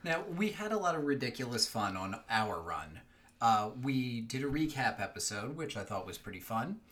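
A man co-hosts a podcast in a relaxed, chatty way. His pitch swings widely and he fills his talk with little fillers. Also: normal speed. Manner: lively, chatty, many fillers. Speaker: podcast co-host. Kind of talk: casual chat about a fiction podcast.

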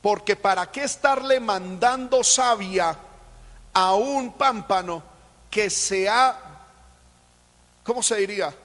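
A man preaching a sermon in with great fervor, swelling to shouts and then dropping low, often calling out "hermano" and "aleluya". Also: takes it slowly, long pauses, long reverb tail.

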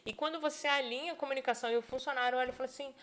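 A woman speaking as a sales expert in a casual podcast chat, animated and playing out quoted people as she talks. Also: high-pitched, racing. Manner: animated, acts out quoted speech in other voices. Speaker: neurosales specialist, podcast guest.

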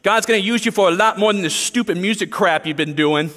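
A man voicing a short, loud Italian-American man with a Boston accent who talks bluntly and gruffly. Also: high voice, a little fast, big-room sound, voice pushed up. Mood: brusque.

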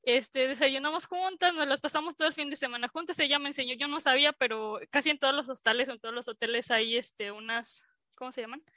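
A woman's voice: high voice, steady tone, quick pace, sharp tone, dry recording. A young woman with a Mexican accent, a scientist telling a story as an interview guest in a chatty way, full of fillers, acting out the dialogue she quotes. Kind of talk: casual storytelling.

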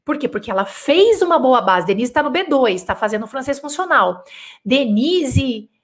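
High-voiced woman teaching French live. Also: sing-song, normal speed. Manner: encouraging, chatty, reads viewer comments aloud. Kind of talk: live online lesson.

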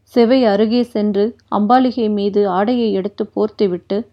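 A woman reading a novel aloud as narrator, with steady, measured narration. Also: mid-range voice. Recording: dull lo-fi recording.

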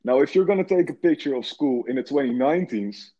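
Mellow-voiced teenage guy from the Netherlands. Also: on the high side, animated, quick pace, muffled recording. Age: teens. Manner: earnest, repeats words when starting. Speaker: guest. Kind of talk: casual chat.

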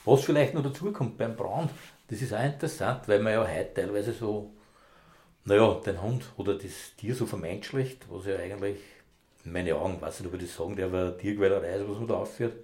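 A man's voice: on the low side, fairly quick, dark tone. A man, a former rescue dog handler, telling long rambling anecdotes in broad dialect in a casual interview.

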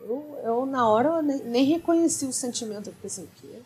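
A woman's voice: high-pitched, lively intonation, fast, a little mellow, soft background music. A woman with a Brazilian Portuguese accent co-hosting a podcast, chatting casually and trailing off into slangy asides. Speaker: podcast co-host. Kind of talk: casual chat.

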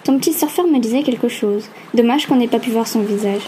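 A woman's voice: a little high, fairly quick, mellow, a little hiss or hum, natural voice. A woman voicing a bold, teasing young woman friend in an audiobook, with a cheeky, pushy manner. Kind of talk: audiobook character voice.

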